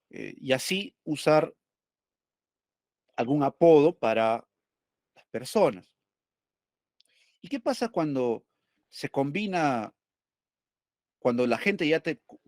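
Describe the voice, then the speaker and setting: A man's voice: mid-range voice, a little mellow, no room sound, studio quality. A male teacher going over test questions, explaining step by step and asking and answering his own questions.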